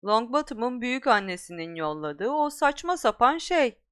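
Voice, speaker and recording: A spiteful, smug schoolboy bully, as a woman reads him, mocking and taunting in a raised, bright voice. His lines sit a little higher and louder than the narration and sound clear and crisp, like a storybook villain. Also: sing-song, normal speed.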